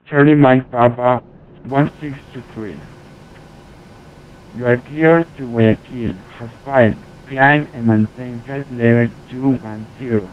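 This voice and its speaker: Slow controller over headset radio. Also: male voice, mid-range voice, fairly even intonation. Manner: slow, measured, spells out numbers. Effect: heard over a pilot's headset radio. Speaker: air traffic controller. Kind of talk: clipped radio phraseology. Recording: tinny radio line, faint hiss.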